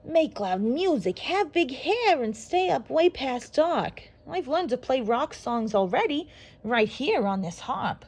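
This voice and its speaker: A woman's voice: high voice, sing-song, takes it slowly, a little mellow, husky, voice pushed up, full character voice. A woman doing a grumpy, fed-up angel. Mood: grumbling. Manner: snappy, complaining. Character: grumbling angel woman longing to rock.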